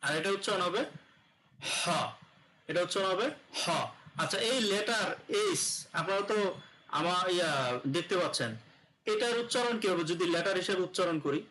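A male teacher giving an online pronunciation class, explaining slowly and repeating each sound several times with many fillers. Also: high voice, pushed and bright, low-quality recording.

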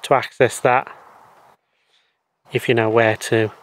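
A hoarse-voiced man in his thirties, an EV charger installer who hosts a channel, gives a hands-on installation demo in a garden beside a wooden shed, recorded on a lapel mic. He speaks slowly at medium pitch, relaxed and explanatory, full of ums and so's, with a little hiss or hum.

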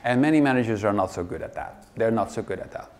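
A man's voice: lowish voice, quick pace. A middle-aged man giving a wry, joking conference keynote in a large hall, speaking into a headset mic. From Netherlands. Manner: wry, joking, lively presenter.

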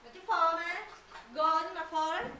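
A woman teacher runs a pronunciation drill, repeating words and quizzing her students. Her voice is high and bright. It rings in an echoey room with faint background noise. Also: normal speed. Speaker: English teacher. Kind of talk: live pronunciation lesson to students.

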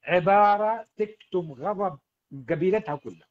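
A man with a high-sitting voice speaks at a normal pace, and the recording sounds muffled. He's a marriage coach on a livestream setup, earnestly exhorting husbands and addressing them directly with advice.

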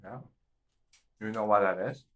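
A man's voice: lowish voice, little pitch movement, a little slow, a bit bright. Upbeat, playful man vlogging at home. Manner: upbeat and playful, chuckles often. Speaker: vlogger host. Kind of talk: casual mukbang chat.

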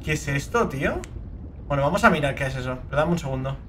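A young man with a Spain Spanish accent doing let's play commentary, excitable and swearing a lot, with sudden shrieking outbursts. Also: medium pitch, fast talker, a little hiss or hum. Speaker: gaming video creator.

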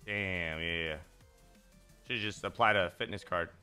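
A man's voice: low-pitched, moderate pace, sharp tone, smooth, faint music behind. A man in his thirties hosting a casual gaming chat on a headset, teasing playfully and talking in slang. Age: 30s. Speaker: streamer host. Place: streaming room, indoors.

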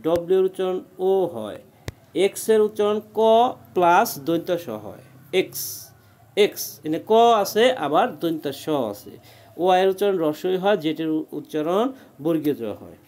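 A man's voice: sits high, lively intonation, moderate pace, a little mellow. A man talks through a spelling lesson one letter at a time. His voice sits a little above the usual male range. He checks in often to keep the student following along. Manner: patient, explains letter by letter and keeps checking "ঠিক আছে?". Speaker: teacher.

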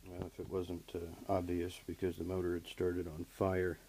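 A warm-toned, low-pitched HVAC technician speaks at normal speed with a completely flat delivery, explaining a repair plainly and step by step with many fillers. He holds the camera as he works in the basement furnace area and workshop; there's slight background noise and the audio is poor.

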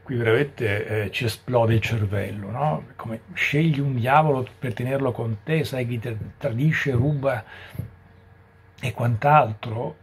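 A man's voice: medium pitch, measured pace, vocal fry, a little hiss or hum. A man giving a catechesis talk as a preacher, speaking conversationally with frequent rhetorical asides.

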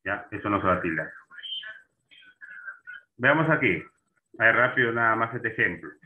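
A man's voice: fairly low pitch, expressive, normal speed. A man teaching an online class, often checking in with students and asking questions as he goes. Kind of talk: online class on Spanish accent marks. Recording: tinny phone-like online call audio.

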